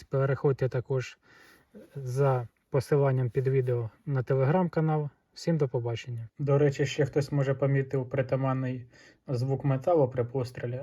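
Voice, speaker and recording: A man's voice: mid-range voice, dark tone, dry recording. A man with a Ukrainian accent in a casual hands-on vlog, matter-of-factly testing an air pistol and reading out numbers. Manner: matter-of-fact, reads out chronograph numbers. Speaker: airgun vlogger. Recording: distant mic with noisy background.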